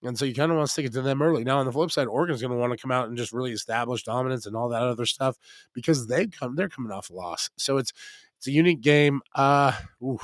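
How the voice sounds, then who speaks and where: An American man co-hosts a casual sports podcast in a hoarse voice with a smoker's rasp. He talks informally and haltingly in slang, and the sound is dry and close. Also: mid-range voice, no room sound. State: hoarse from a night out in the cold. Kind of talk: casual sports analysis chat.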